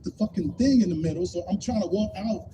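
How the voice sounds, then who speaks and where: A man with a high voice tells a story in a loose, animated way, acting out everyone's lines. The live stream is noisy behind him. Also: fast. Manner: animated, acts out quotes in different voices. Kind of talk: casual stand-up style storytelling.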